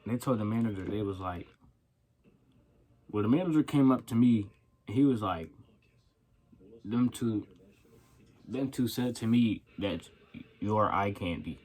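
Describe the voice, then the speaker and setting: A man's voice: lowish voice, measured pace, pauses often, darkish tone. A young man telling a profane, slangy story about his coworkers in a casual rant. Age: young adult. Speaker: vlogger.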